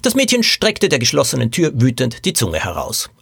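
A man narrating a detective story as host of a podcast, reading in a lively, animated way. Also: medium pitch, normal speed, gravelly, husky, no room sound.

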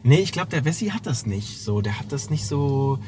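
A man's voice: medium pitch, big pitch swings, moderate pace, a little mellow, slight background noise. A man from Saxony with a Saxon accent, chatting easygoing as a podcast guest in a parked car. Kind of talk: casual podcast chat.

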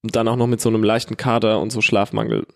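A man with a Palatinate German accent telling an animated, slangy story in casual chat, full of fillers. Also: on the low side, fast, creaky.

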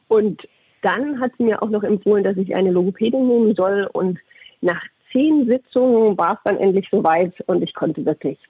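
Husky middle-aged woman on a phone-like line. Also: mid-range voice, animated, moderate pace, dry recording. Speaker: interviewee, doctor and puppeteer. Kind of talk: conversational interview answers with anecdotes. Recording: thin phone-like radio sound.

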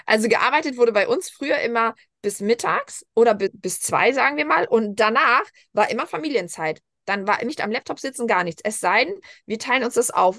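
A woman in her thirties talks on a podcast at a rapid clip, her voice sitting a little high. She tells lively anecdotes and acts out the quoted dialogue in them. The sound is dry and close. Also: no room sound. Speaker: podcast guest. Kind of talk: casual podcast conversation.

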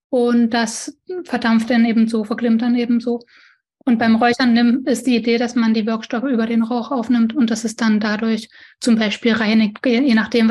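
Woman, middle-aged, from East Germany, slightly high voice, casual chat, explains and shows things, restarts her sentences. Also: a little mellow. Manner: demonstrates objects while talking, frequent self-corrections. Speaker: herbal smoke-cleansing practitioner.

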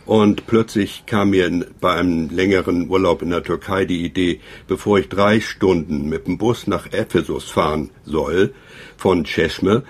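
A man who is a guest on a podcast, speaking from a ship's cabin and telling stories in a measured, slightly halting way. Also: low-pitched, husky. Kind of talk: casual conversation. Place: ship cabin at sea.

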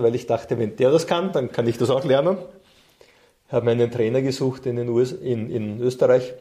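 In this interview, the guest is a middle-aged coach and trainer who chats about personal experiences. He sounds calm and mellow, with a pitch that's ordinary for a man.

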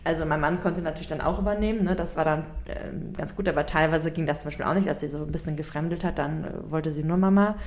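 A woman's voice: low-pitched, steady tone, quick pace, few pauses, darkish tone. A young woman co-hosting a podcast, chatting casually about early motherhood with lots of fillers and tag questions. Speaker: podcast co-host. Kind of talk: casual chat.

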